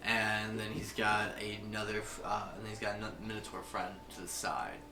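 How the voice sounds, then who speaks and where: A man's voice: lowish voice, monotone, normal speed, over music. A man narrating a tabletop game as game master, casual and profane, with vivid gory descriptions. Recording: roomy echo.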